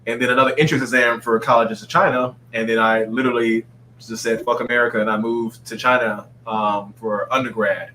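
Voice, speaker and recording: A man's voice: mid-range voice, brisk, slight background noise, poor audio. A man raised in Saudi Arabia, a dancer guest telling stories in a casual interview and acting out quoted people. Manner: animated storyteller, acts out quotes.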